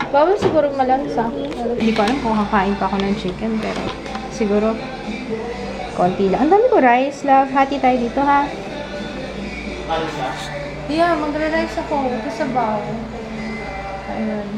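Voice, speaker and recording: A woman's voice: sits high, animated, moderate pace, long pauses, over loud music, low-quality recording. A Filipino woman vlogger chatting casually in mixed Tagalog and English, feeling weak and a little dizzy after a wisdom tooth extraction.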